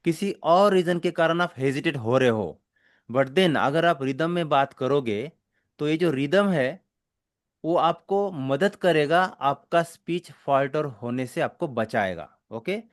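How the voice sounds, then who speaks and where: Slow, dry-voiced Indian English teacher man. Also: on the high side, expressive, dry recording. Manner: explains slowly, mixes Hindi and English, keeps checking understanding. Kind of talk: spoken English class.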